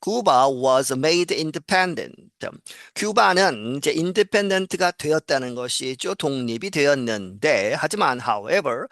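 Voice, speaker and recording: A man lecturing as an English teacher, reading news sentences slowly and explaining each one with frequent filler sounds. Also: medium pitch, vocal fry, a bit bright, no echo, studio quality. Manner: reads English lines slowly, then explains in Korean with many fillers.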